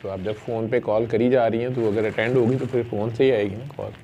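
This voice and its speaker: A man's voice: fairly low pitch, steady tone, heavy background noise. A man hosting a live spiritual call-in session, prompting the caller with brief conversational questions.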